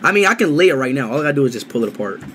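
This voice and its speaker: A man's voice: medium pitch, very animated, racing, noisy background. A young man talking casually with a friend after a stream, loose and slangy, often trailing off. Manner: loose slangy talk, trails off, says bro a lot.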